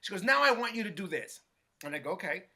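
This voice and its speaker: A man, a hairstylist guest, telling a story in an animated way and acting out what others said. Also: high-pitched, fast talker, vocal fry. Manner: acts out quotes with lively voices, many restarts.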